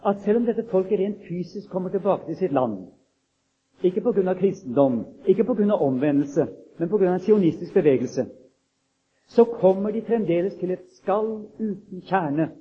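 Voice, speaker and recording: Preacher, male, very husky voice, on the higher side; solemn, emphatic sermon delivery. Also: lively intonation. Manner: solemn, emphatic reading that builds to raised declarations. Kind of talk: sermon with scripture reading. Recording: tinny lo-fi phone-like recording.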